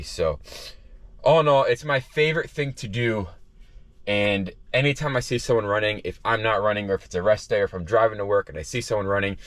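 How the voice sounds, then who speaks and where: A man's voice: on the low side, dry recording. A man talking casually and earnestly to his viewers while out running, repeating phrases for emphasis. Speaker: running vlogger. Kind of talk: casual vlog talk to viewers. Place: outdoors by the ocean.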